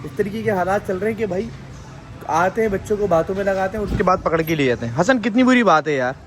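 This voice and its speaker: A man's voice: high voice, fast, noisy background. A man from Pakistan with a Karachi Urdu accent, a father lecturing and scolding his children in a casual family vlog. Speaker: vlogger and father.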